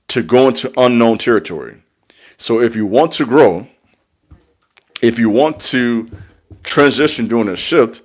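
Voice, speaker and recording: A young man giving an earnest, repetitive motivational talk on spiritual growth, speaking like a preacher to his followers. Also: medium pitch. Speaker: online spiritual mentor.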